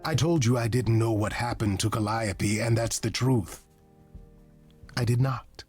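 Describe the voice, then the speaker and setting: An actor playing Pan-like smooth-talking god in a video game, sly and evasive, with flowery, hedging speech and a breathy, husky voice. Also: male voice, mid-range voice, measured pace, darkish tone, faint music behind, natural voice. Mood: defensive. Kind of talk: video game dialogue acting.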